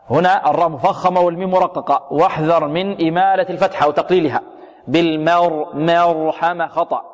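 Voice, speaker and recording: A man teaching the rules of Quran recitation, asking questions and answering them himself, with slow, drawn-out recited examples. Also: fairly high pitch, in a large hall. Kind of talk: tajwid lesson with recited examples. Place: radio broadcast studio.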